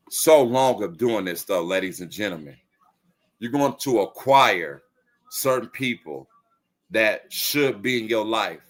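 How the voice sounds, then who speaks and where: A man's voice: on the low side, a bit bright. A man in his forties chatting casually on a live stream, telling stories in a laid-back, slangy way. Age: 40s.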